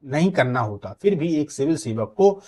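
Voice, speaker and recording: A man's voice: on the high side, lively intonation, normal speed, warm tone. Emphatic male exam-coaching lecturer. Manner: explains with examples and checks in with "clear?". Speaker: teacher.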